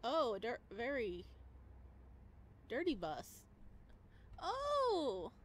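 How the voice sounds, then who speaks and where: Extremely slow, with huge swings in her fairly high pitch, a woman hosts a gaming video set to music. Her excited let's play commentary is gushing, exclamatory and full of playful cutesy slang, and she reads game text out loud.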